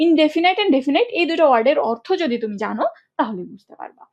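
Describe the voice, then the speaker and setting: Female English tutor, high bright voice, brisk step-by-step explainer who checks in with students. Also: animated, highs cut off. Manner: explains step by step, often checks with "ঠিক আছে?"; colloquial speech mixing in English words. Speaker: English teacher. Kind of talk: online grammar lesson.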